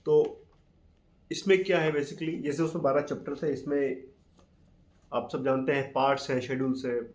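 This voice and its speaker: A man hosting a talk, reading scripture verses aloud slowly and then explaining them in plain with mixed in. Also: medium pitch, fairly even intonation, darkish tone. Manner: reads quotes slowly, then explains in plain Hindi with English words. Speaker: channel host explaining a scripture.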